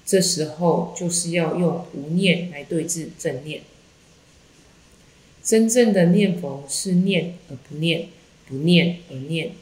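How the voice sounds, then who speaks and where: Calm Buddhist nun reading, echoey room. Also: female voice, sits low, slow. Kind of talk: reading a Buddhist text aloud.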